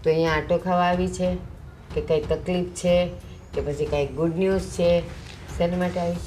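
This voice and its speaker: A woman playing a calm, lecturing mother. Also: on the low side, moderate pace, faint music behind, natural voice. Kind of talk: short film acting.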